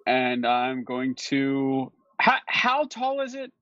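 A man's voice: mid-range voice, sing-song, slow, sharp tone, no echo. A man playing a tabletop game, hesitant, with many fillers as he describes his moves. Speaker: player. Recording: dull lo-fi recording.

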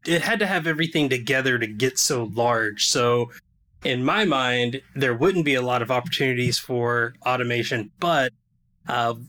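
A man's voice: mid-range voice, bright, forceful tone. A young adult man hosting a podcast, chatting casually with a guest and laughing now and then. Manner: casual, laughs often, quick asides. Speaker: podcast host.

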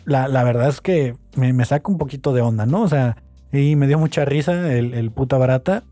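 A man's voice: mid-range voice, brisk, mellow, no room sound, faint music behind. A young man with a Mexican accent, hosting a podcast and telling a story in a slangy, casual way with frequent exclamations. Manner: slangy, laughs and exclaims while retelling gossip. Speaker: podcast host.

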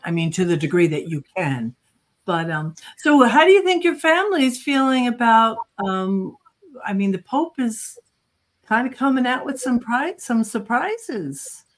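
A woman's voice: mid-range voice, expressive, normal speed. Woman minister hosting a podcast, lots of mm-hmms and yeahs. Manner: affirming, short interjections. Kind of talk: casual podcast chat.

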